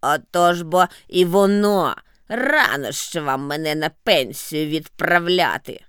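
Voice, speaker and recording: A grumpy old snowdrift with a low, grumbling voice, put on by a woman storyteller. He scolds rudely and drags his words slowly, his voice clear and dry. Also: expressive, a bit bright, no room sound, full character voice. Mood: gloating. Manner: rude, scolding.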